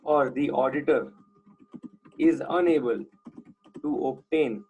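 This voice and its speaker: A man's voice: on the high side, slow, a little mellow, husky, muffled recording. A man teaching an online class, putting questions to students and repeating the key points.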